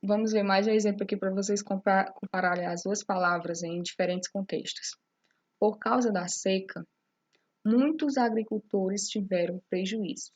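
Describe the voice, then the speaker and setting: A woman's voice: medium pitch, steady tone, moderate pace, darkish tone. A woman teacher explaining a lesson step by step, often checking in with her students. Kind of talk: recorded classroom lesson.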